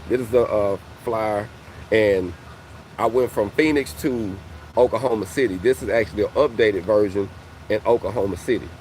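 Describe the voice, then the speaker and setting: The audio is poor and carries slight background noise as a lowish, slightly mellow male voice speaks at a moderate pace. He is a welding coach and channel host in his forties, motivating viewers conversationally and often saying "fam" and "you know what I mean."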